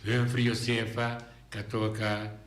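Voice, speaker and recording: Male singer guest, Bonaire accent, gravelly, halting and repetitive, echoey radio studio. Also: on the low side, completely flat delivery. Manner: halting, repeats words often. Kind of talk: radio interview.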